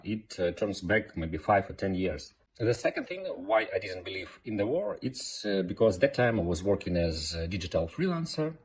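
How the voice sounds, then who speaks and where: A man's voice: lowish voice, darkish tone, slight background noise. A man in his thirties with a Ukrainian accent, giving an informal personal account in English. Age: 30s. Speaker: interviewee sharing a personal war story.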